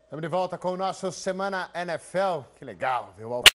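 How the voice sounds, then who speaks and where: A man's voice: on the high side, expressive, a little fast. Brazilian male sports host over music. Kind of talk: conversational sports show presenting.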